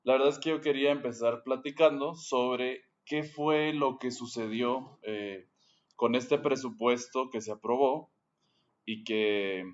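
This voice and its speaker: A man from Guatemala hosting a casual podcast, speaking in a relaxed, hesitant way and often tagging phrases with "¿no?". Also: mid-range voice, dull audio. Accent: Guatemalan Spanish. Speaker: podcast host.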